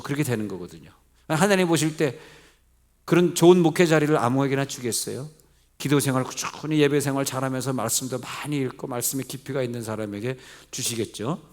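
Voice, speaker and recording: Man preaching, questioning and joking. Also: medium pitch. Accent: Seoul Korean. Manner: conversational preaching, asks the congregation questions; mixes polite and plain speech, jokes lightly. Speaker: pastor. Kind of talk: sermon at a midweek service. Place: church sanctuary.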